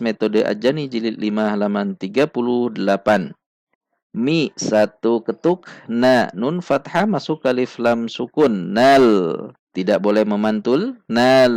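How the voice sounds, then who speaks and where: Unhurried male tutor, gravelly and precise, drilling syllables. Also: medium pitch, a little mellow, no room sound. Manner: patient, repeats syllables slowly and precisely. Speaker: Quran recitation teacher. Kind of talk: step-by-step tajwid lesson with recited examples.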